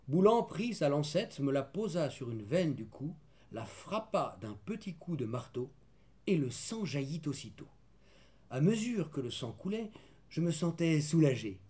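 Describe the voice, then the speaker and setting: A man narrating a children's storybook in the first person, measured and gentle. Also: fairly high pitch. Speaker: audiobook narrator.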